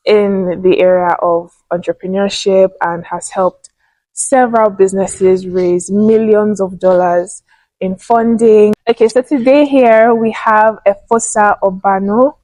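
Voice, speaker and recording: A woman's voice: mid-range voice, darkish tone, dry recording, low-quality recording. A young woman hosting an interview podcast, upbeat and encouraging, with frequent affirmations. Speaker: podcast host. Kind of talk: casual interview chat.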